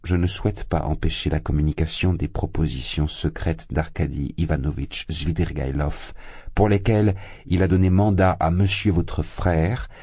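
A smug middle-aged suitor full of himself, his sneers wrapped in pompous turns of phrase, read by a man. The voice is deep, dark and husky. It stays close and dry. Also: normal speed, no echo. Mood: sneering. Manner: mocking, pompous.

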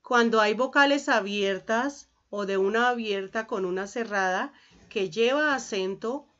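A woman's voice: mid-range voice, a bit bright, muffled recording. A woman primary school teacher giving an online class, dictating patiently and calling her pupils affectionate names. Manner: patient, dictating slowly, calls pupils "mis amores". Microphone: video call.

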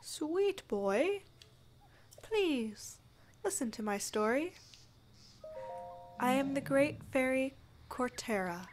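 A dramatic great fairy spirit pleading for help, as a woman reads her lines in a game. Her delivery is theatrical and begging. The voice is a little high. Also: expressive, takes it slowly, pauses often, faint music behind.

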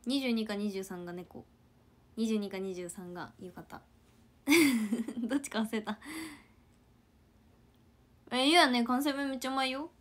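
Woman, casual livestream chat with viewers; chatty, soft murmured asides. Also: on the high side, unhurried, pauses often. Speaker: idol trainee livestreamer.

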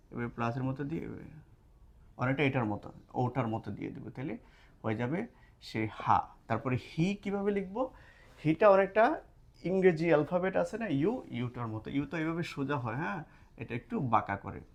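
Standing at a board in a classroom or study room, a male language teacher walks through a casual spoken lesson one step at a time, frequently making sure his listeners are with him. He has a mid-range voice, captured by a camera mic while he writes.

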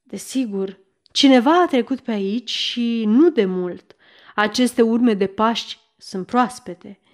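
A woman's voice: a little high, close to an everyday voice. A woman voicing a stern middle-aged male mayor in an audiobook, speaking firmly and asking pointed questions. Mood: probing. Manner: firm, questioning. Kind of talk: audiobook reading.

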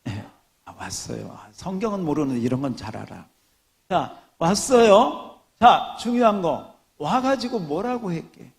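Gravelly, joking preacher. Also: male voice, sits high, a little slow. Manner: joking, animated storytelling. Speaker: pastor. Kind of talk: sermon.

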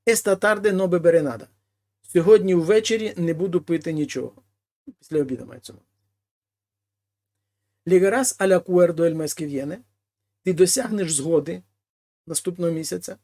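A man teaching a language lesson: he reads each example phrase, then translates it slowly and explains it. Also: high-pitched, dark tone. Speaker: Spanish teacher.

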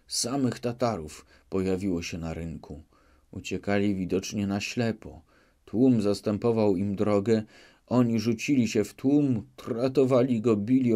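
A man narrates an audiobook in scripted, measured storytelling. His voice sits low and sounds dark and mellow, and he takes his time over every phrase.

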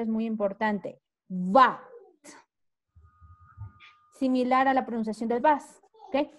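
A Spanish-accented woman teaching English over a video call, speaking slowly and deliberately. Her voice sits a little high, and she moves between the two languages, checking understanding as she goes. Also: poor audio. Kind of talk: online class teaching.

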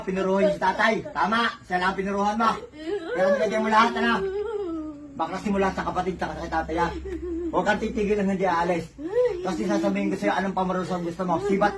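A man's voice: high voice, far from the mic. A man acting as faith healer in an exorcism session, commanding and hammering the same questions over and over. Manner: commanding, repeats questions insistently. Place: home healing session.

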